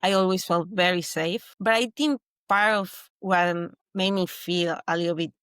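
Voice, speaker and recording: A woman's voice: fairly low pitch, moderate pace, fairly bright tone, clean tone, no room sound. Venezuelan woman guest, earnest and reflective. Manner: earnest, reflective, with frequent restarts. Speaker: mindset coach guest. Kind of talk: interview conversation.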